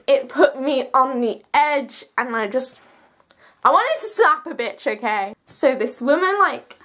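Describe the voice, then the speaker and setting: High-pitched teenage girl telling a story. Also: a bit bright. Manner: slangy, swearing, emphatic. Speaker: vlogger telling a personal story. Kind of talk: casual animated storytime monologue.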